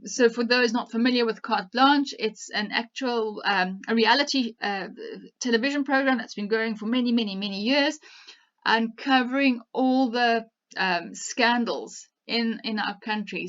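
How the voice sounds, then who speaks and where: A woman's voice: a little high, fairly bright tone. South African woman giving media training tips. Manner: direct, instructive, with fillers and laughs. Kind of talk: presentation talk. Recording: dull lo-fi presentation recording.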